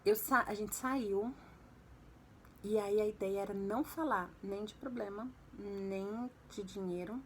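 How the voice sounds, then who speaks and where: A woman's voice: measured pace, a little hiss or hum. A woman from Brazil with a Brazilian Portuguese accent, chatting in a confiding way as she gives advice to other mothers. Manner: chatty, confiding, acts out quoted dialogue with pitch jumps. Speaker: vlogger and mother. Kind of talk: casual advice vlog to mothers.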